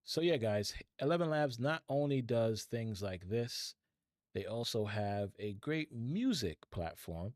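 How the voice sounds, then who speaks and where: Animated yet measured, a middle-aged man with a medium-pitched, slightly mellow voice hosts a live tech stream, chatting loosely and speaking directly to his viewers. It's a studio-quality recording without echo.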